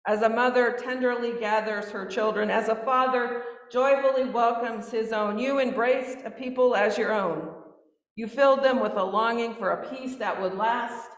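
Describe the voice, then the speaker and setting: A woman pastor leading a communion prayer in a measured, solemn intoning manner, heard with cathedral echo. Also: on the high side, fairly even intonation. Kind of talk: liturgical prayer. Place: large church sanctuary. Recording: echoey church from a distance.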